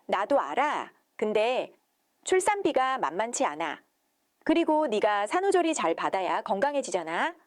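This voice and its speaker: A woman voicing a soft-spoken young husband. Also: medium pitch, big pitch swings, normal speed, no echo, studio quality, lightly acted. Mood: gentle.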